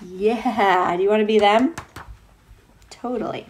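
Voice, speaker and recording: A woman teacher with a mid-range, slightly slow voice reads a picture book aloud to children, with slight background noise. She chats playfully and asks her young listeners questions, mixing the read-aloud with casual asides to young viewers.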